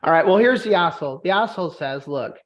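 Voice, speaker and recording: A man hosting a podcast. He has been drinking and rants loudly, swearing for comic effect in casual banter. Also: high voice, expressive, fast talker, muffled recording. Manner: loud, profane mock-angry ranting. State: drinking, tipsy. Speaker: podcast host.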